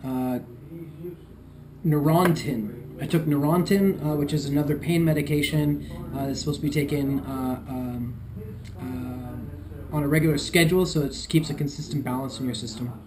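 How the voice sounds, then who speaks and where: A man giving an unscripted video diary as a patient, talking in a halting, groggy, medicated-sounding way. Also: a little high, fairly even intonation, a crowd in the background, poor audio. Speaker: patient recording a recovery vlog.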